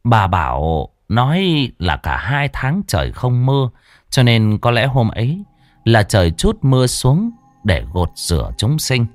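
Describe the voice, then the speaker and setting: A man with a mid-range, very animated voice narrates a ghost story in a dramatic, scripted way, his delivery swooping as he tells it at a measured pace. The recording is dry, with faint music in the background.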